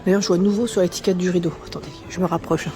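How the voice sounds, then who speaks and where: A woman's voice: on the low side, steady tone, rapid-fire, over music. A woman vlogging as she walks through a large furniture store, chatting casually and reading out prices and sizes with lots of tag-on fillers. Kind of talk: casual walkthrough chat.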